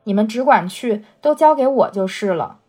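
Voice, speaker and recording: A woman reading the lines of a witty, commanding young noblewoman who runs the household, in a husky voice. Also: fairly high pitch, animated, a little mellow, soft background music. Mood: bossy teasing. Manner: brisk, commanding, teasing.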